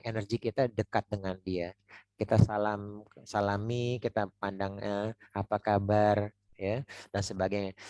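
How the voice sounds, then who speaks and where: Male speaking coach, mid pitch, dry close sound; informal teaching talk, repetitive and chatty. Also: darkish tone, dry recording. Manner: chatty, repeats words, frequent "ya" and "gitu ya" tags, restarts. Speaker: public speaking trainer.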